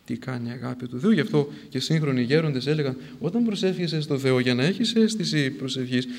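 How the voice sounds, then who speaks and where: A man's voice: medium pitch, creaky. A man giving a sermon, moving between plain storytelling and emphatic, formal recitation. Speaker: preacher. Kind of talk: sermon retelling a saint's life.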